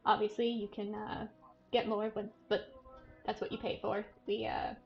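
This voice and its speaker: A woman's voice: medium pitch, little pitch movement, normal speed, creaky, soft background music, natural voice. A woman voicing a chatty old man who shows visitors around a guild house, hesitant and full of fillers, on a muffled lo-fi recording. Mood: explaining.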